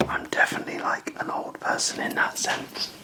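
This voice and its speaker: A person whispering a casual, self-deprecating ASMR ramble in a breathy, unvoiced voice, musing in a chatty way. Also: a little fast. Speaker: ASMR video creator.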